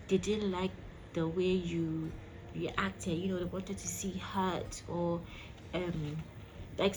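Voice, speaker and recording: A woman's voice: on the low side, background noise. A woman vlog host telling a personal story casually and emphatically, speaking directly to her listeners. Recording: background music behind the voice. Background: music.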